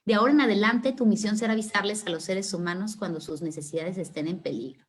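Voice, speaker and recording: A woman's voice: mid-range voice, fast talker, lightly acted. A woman voicing a creator god, solemn, commanding, storybook character.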